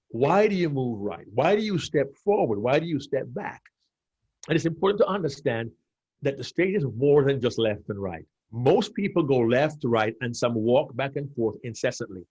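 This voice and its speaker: Coaching on public speaking as a guest on a podcast, a man from Jamaica in his fifties explains things animatedly, with emphasis and frequent repetition of key phrases. He has a mid-range, husky, slightly mellow voice, heard through audio with the highs cut off.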